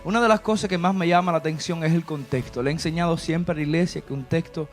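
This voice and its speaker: A man's voice: a little high, steady tone, fast talker, faint music behind. A man pastor hosting a church talk show, talking in a chatty preaching manner with frequent tag questions. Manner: preachy, warm and chatty, with many "¿verdad?" asides. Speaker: pastor and host.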